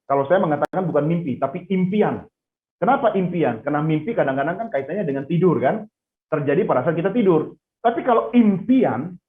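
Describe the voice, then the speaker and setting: Guy coaching public speaking over a video call, lively, tinny audio. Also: a little high. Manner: lively, asks the class questions and praises answers. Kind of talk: online class for pageant contestants.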